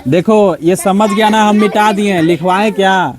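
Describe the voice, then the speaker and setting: A man's voice: high-pitched, fairly even intonation, moderate pace. Guy teaching a packed class, keeps asking what's this what's that, kids murmuring all around. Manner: drills students with repeated questions. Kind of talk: classroom lesson with call-and-response. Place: classroom full of students. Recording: class chatter and student replies behind.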